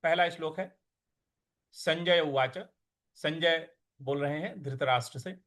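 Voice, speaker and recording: A man teaching how to pronounce and recite scripture, chanting verses slowly and then explaining each sound step by step. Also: on the high side, fairly bright tone. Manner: slow deliberate teaching, drawn-out chanted verses. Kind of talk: slow recitation lesson with chanting.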